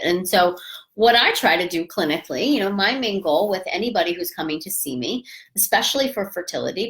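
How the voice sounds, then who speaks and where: A woman's voice: on the low side, fairly bright tone. Chatty, emphatic woman acupuncturist. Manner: chatty, emphatic, many fillers and "you know". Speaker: acupuncturist and fertility author. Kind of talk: casual educational talk, reading aloud from her book.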